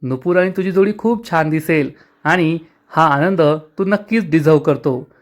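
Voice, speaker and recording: A man's voice: fairly high pitch, moderate pace, close to an everyday voice. A man doing a cheerful, friendly young guy.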